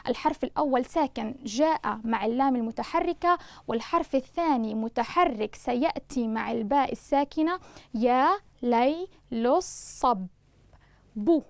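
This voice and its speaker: A woman teacher giving a recorded grammar lesson, speaking slowly and deliberately and spelling out sounds for her students. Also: high voice, creaky, no echo. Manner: slow, deliberate, spelling out syllables; addresses students warmly as loved ones. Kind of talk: online Arabic lesson.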